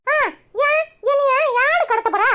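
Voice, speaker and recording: In an extremely high, heavily acted voice at a measured pace, a woman plays a feisty little village girl with a Kanyakumari Tamil accent in a cartoon. The girl is indignant and stubborn, trading sharp, sarcastic, argumentative retorts.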